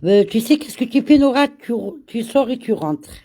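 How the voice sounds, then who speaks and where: A woman's voice: on the high side, expressive, warm tone. A woman with a cold hosting a casual live chat, greeting viewers by name and slipping in Arabic greetings. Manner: slow, repeats words. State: has a cold. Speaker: live stream host.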